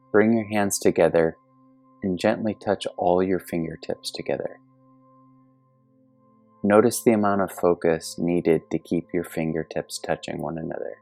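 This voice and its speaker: Over quiet meditation music dotted with singing bowl tones, a man offers calm, gentle guidance. His very low, slightly creaky voice gives measured instructions and lets long pauses fall between phrases.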